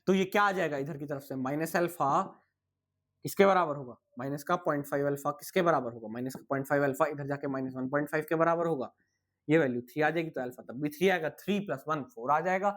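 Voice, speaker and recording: A man's voice: a little high, fast, a bit bright. A young man teaching physics in a casual, chatty exam-prep lecture, asking and answering his own questions and sounding tired.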